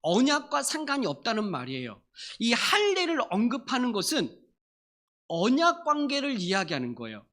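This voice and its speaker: Brief: bright, animated pastor preaching a Sunday sermon; emphatic, repeats lines for weight. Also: mid-range voice, moderate pace. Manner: emphatic, repeats and restates phrases. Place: church service.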